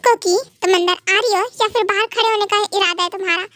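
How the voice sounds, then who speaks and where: A woman's voice: very high-pitched, fairly even intonation, fast, sharp tone. A young woman voicing a possessive young male mafia husband in a Hindi fan dub, scolding and then coaxing.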